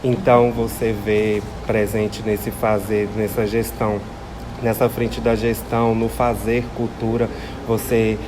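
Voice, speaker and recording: A young man, a student, introducing himself and asking interview questions in measured, formal phrasing. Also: lowish voice, level tone. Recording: noisy recording with background hum.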